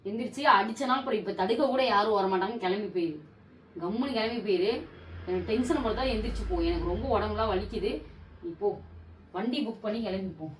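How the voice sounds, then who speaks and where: A woman's voice: mid-range voice, fast, recorded from a distance. Scolding young woman in an echoey room. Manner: scolding, repeats demands, drained and annoyed. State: sleepy. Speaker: vlogger in a couple prank video. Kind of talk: casual heated home argument. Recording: echoey room, voice off-mic, faint hiss.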